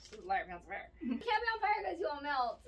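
High bouncy woman cohost, jokey and a bit potty-mouthed, sounds far from the mic. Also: wildly swooping pitch, fast, a bit bright, a little hiss or hum. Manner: playful, laughing, swears casually. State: coughing. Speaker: podcast co-host. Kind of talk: casual chat.

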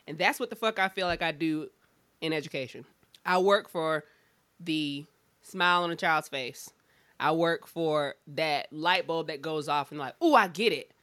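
Blunt Southern woman with a bright drawl. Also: sits low, expressive, normal speed, no echo. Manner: Southern drawl, blunt, emphatic, swearing freely. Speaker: schoolteacher. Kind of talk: candid podcast chat.

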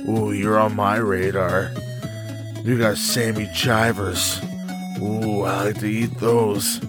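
A man putting on a mock-sexy low croon. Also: flat delivery, music in the background. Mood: mock seductive. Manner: slow, low, mock-seductive, joking.

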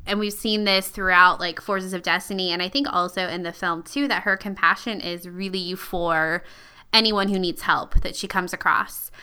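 A woman's voice: on the low side, fairly even intonation, moderate pace, pushed and bright, smooth. A young woman co-hosting a podcast, chatting casually and animatedly with lots of fillers. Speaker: podcast co-host. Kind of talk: casual fan discussion.

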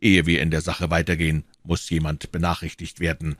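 A cold, suspicious commissioner in a storybook audiobook, voiced by a man in a very low voice. He questions in a stern, indifferent manner, recorded close and dry. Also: level tone, brisk, a bit bright, no echo. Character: cold, suspicious male police commissioner, middle-aged. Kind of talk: audiobook reading.

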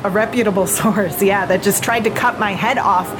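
A woman's voice: mid-range voice, fairly even intonation, moderate pace, noisy background, close to an everyday voice. An actress playing a sardonic, weary, frazzled woman adventurer in an audio drama. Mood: exasperated. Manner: wry, weary, sarcastic.

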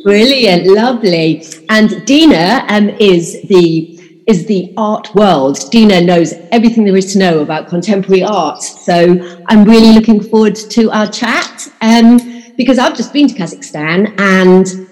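A woman's voice: medium pitch, measured pace, a little mellow, big-room sound. A woman hosting a podcast interview, talking in an enthusiastic, chatty way. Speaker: podcast host.

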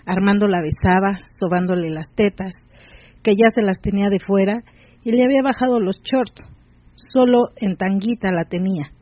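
A podcast host reading an erotic story aloud in steady first-person narration. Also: medium pitch, normal speed. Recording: dull dry lo-fi recording.

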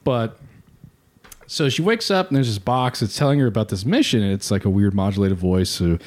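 A man hosting a casual podcast, retelling a crime story in a lively, swearing way. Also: fairly low pitch, brisk. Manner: animated storytelling with swearing and laughs. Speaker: podcast host. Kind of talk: casual true-crime chat.

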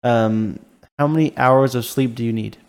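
A man's voice: mid-range voice, steady tone, normal speed. A man co-hosting a podcast in casual chat, hesitant and full of filler words. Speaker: podcast co-host.

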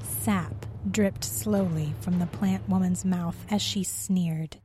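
A woman narrating a scripted story in a steady, even reading voice. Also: on the low side, slow, soft background music.

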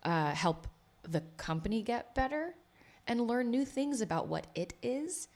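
A woman's voice: fairly high pitch, big pitch swings, unhurried, darkish tone. A woman, an actor and playwright, chatting in a casual interview and telling her story in a rambling, talkative way. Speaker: actor and playwright, podcast guest.

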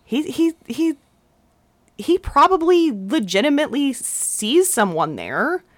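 A woman's voice: sits high, big pitch swings, slow, no room sound. A young woman chatting on a podcast, earnest and rambling, often restarting her sentences and rising when she makes a point. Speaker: podcast co-host. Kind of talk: casual podcast chat.

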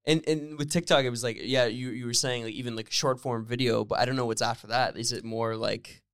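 A man's voice: mid-range voice, steady tone, brisk, fairly bright tone, smooth, no echo, studio quality. Easygoing man hosting a podcast. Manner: encouraging, frequent short affirmations and laughs. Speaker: podcast host. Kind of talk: casual interview chat.

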